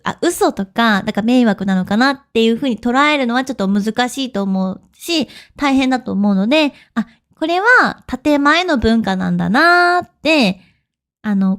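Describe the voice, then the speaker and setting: A woman's voice: on the high side, fairly bright tone. Chatty woman teaching in a podcast. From Japan. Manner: chatty, friendly, laughs often, asks listeners questions. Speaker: online Japanese teacher. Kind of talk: casual podcast lesson.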